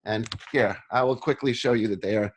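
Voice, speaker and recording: A middle-aged man from South Africa, talking casually in an interview, relaxed and self-deprecating with many fillers. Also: fairly low pitch, a little fast, a little hiss or hum. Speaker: history professor interviewed.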